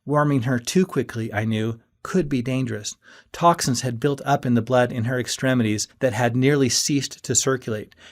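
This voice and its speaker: Man narrating an earnest audiobook. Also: mid-range voice. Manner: earnest first-person storytelling. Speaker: author reading his novel.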